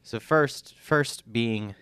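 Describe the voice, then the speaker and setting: A man's voice: medium pitch, drawn-out words, a bit bright, smooth, no echo. A man in his twenties hosting a casual podcast, sick with a sinus infection, his nose stuffy and congested. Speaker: podcast host.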